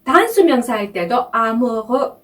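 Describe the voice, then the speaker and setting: A woman teaching French pronunciation in a slow, patient lesson, repeating each word and filling pauses with soft sounds. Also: fairly high pitch, expressive, distant mic. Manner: patient, repeats words slowly, many soft fillers.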